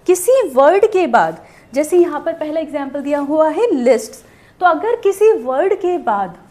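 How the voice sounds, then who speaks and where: A woman's voice: sits high, a little mellow. A woman teaching a shorthand lesson on video, explaining step by step and asking questions she then answers herself.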